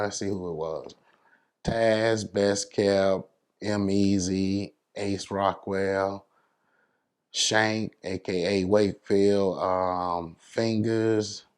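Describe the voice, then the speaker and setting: A man with a low, slightly mellow voice, from New York City, USA, speaks casually as an interview guest. His American delivery is colloquial, full of check-in phrases and peppered with "you know what I'm saying".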